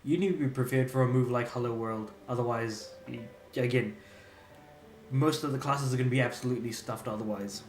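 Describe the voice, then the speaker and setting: Brisk and mid-range, the young Australian's voice carries a little hiss or hum as he chats casually over his game stream. He's relaxed, rambling, and self-amused, and the room echoes.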